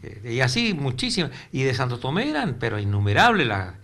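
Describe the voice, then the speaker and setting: An older Argentine man with a Corrientes accent speaks as a TV interview guest. His voice is bright and forceful at a middle pitch, and he strings his memories together loosely, often repeating words before he finds the next one. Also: huge pitch swings, brisk. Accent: Argentine Spanish, Corrientes. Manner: rambling, repeats words while searching for them. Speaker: retired teacher, interview guest. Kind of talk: casual interview. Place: local cable TV studio.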